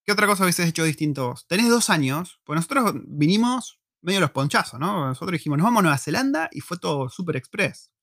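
A man's voice: high voice, fast talker, no room sound, studio quality. An Argentine man with an Argentine Spanish accent, hosting a live casual chat at home at a desk mic, joking and slangy. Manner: joking, slangy, animated storyteller. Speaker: host. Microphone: desk microphone.

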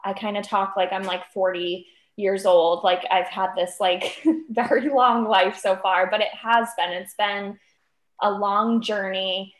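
Podcast guest: upbeat woman of 25 from Cape Cod, casual and filler-heavy, middle pitch, recorded in a reverberant room. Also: fairly even intonation, unhurried. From Cape Cod, Massachusetts. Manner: chatty, upbeat, with many fillers like "um" and "like". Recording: roomy echo.

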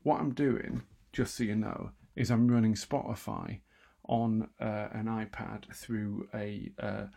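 A man talking quietly and wryly at night from a room in his house, hosting a solo radio show with lots of asides and restarts. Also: on the low side, fairly even intonation, slow, creaky, hardly any pauses. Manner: self-deprecating, wry, full of asides and restarts; talking quietly, half-whispering at times. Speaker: radio host. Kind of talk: rambling late-night solo radio chat.

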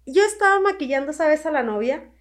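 Una mujer de voz aguda con acento mexicano, maquillista de novias invitada a un podcast. Cuenta sus anécdotas con mucha animación e imita las voces de las personas que cita, con un tono alto y vivo durante toda la charla. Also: female voice, high voice, brisk. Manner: animated storyteller who acts out quoted voices. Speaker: bridal makeup artist, guest. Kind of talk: casual podcast chat.

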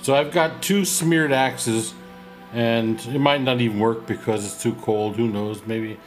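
A man's voice: medium pitch, a little slow, soft background music. A man playing a tabletop game, chatting casually and thinking aloud in short, choppy phrases.

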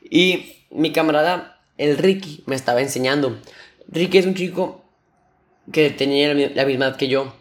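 A young man with a Mexican accent telling stories on his solo podcast in a slangy, animated way, imitating sounds with his mouth. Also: a little high, moderate pace. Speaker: podcast host. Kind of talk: casual solo podcast storytelling.

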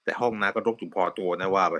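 A man's voice: low-pitched, quick pace, bright, forceful tone. A man hosting a casual chat about a TV show, with dry, laid-back remarks. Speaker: podcast host. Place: voice chat call.

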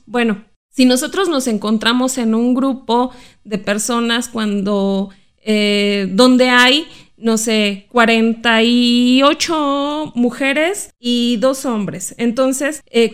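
A woman, a guest expert who explains inclusive language in a careful, reflective way, asking rhetorical questions. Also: on the high side. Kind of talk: explanatory interview talk.

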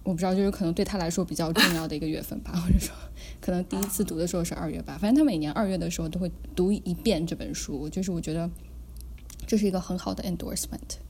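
A woman co-hosting a casual book podcast, her voice mellow and warm. She talks in a calm, measured way and walks through each book's content in detail. A faint hiss sits under her voice. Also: on the low side. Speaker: podcast co-host.

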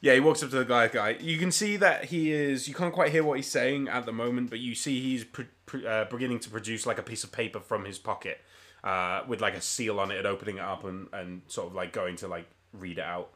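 Guy game-mastering a tabletop game, bright voice, lots of likes and ums. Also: mid-range voice, a little fast. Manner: rambling, filler-heavy description.

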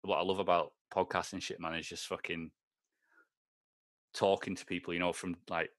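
A man's voice: low voice, little pitch movement, moderate pace, dry recording. A young Scottish man hosting a podcast, chatting casually, rambling and swearing, laughing often. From Scotland. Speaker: podcast host. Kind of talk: casual chat.

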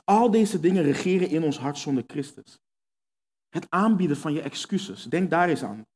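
A man's voice: fairly high pitch, animated, normal speed, darkish tone. A man preaching a sermon, earnest and emphatic, repeating key words for weight. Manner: acts out quoted voices within preaching.

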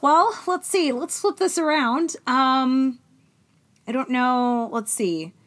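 A woman's voice: sits high, slow, a bit bright, a little hiss or hum. A woman in her forties, a mother of teenagers from Florida, co-hosting a casual chat in a wry, chatty way. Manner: chatty, wry, throat-clearing. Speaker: podcast co-host.

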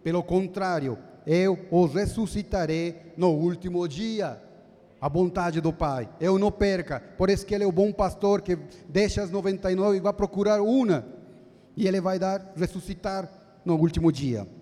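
A man's voice: high voice, moderate pace, warm tone. A man in his thirties with a Brazilian Portuguese accent, preaching a sermon as a deacon in an earnest, teaching tone and asking the congregation to agree. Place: church hall. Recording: long church-hall reverb.

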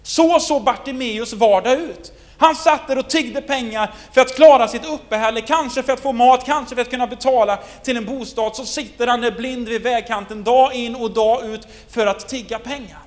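A man's voice: very high voice, hardly any pauses. A man preaching a sermon, retelling a scripture story and putting rhetorical questions to his listeners. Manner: asks the listeners many rhetorical questions, loudness swings widely.

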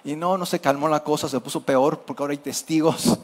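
A man's voice: a little high, fairly even intonation, a little fast. A man, preaching a sermon in a conversational way and asking the congregation questions. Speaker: pastor.

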